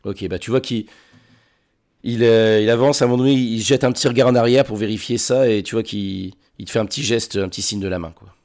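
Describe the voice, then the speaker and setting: Gravelly low-voiced game master. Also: male voice, darkish tone. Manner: halting, repeats words and fills with "euh". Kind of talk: narrating a tabletop role-playing game.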